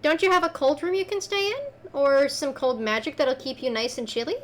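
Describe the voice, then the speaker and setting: A woman's voice: sits high, normal speed, a little hiss or hum, close to an everyday voice. A woman doing a sweet little cookie lady. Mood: friendly.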